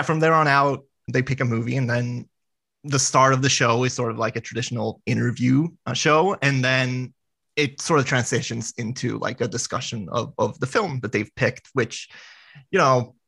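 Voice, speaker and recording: This Swedish man is a podcast guest, talking casually in a halting way, full of fillers and restarts. His voice is medium in pitch, pushed and bright.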